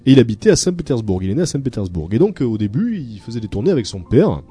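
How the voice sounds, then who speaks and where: A man hosting a radio chat show, telling odd stories in a lively, halting way full of fillers. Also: mid-range voice, slightly rough, faint music behind. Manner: storytelling, many fillers, animated. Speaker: radio host.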